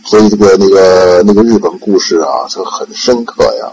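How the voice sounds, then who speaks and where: A man's voice: deep voice, a little fast, a little mellow, a little hiss or hum, poor audio. An older man giving an informal Buddhist dharma talk, rambling with repeated words and fillers. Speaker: Buddhist lay teacher.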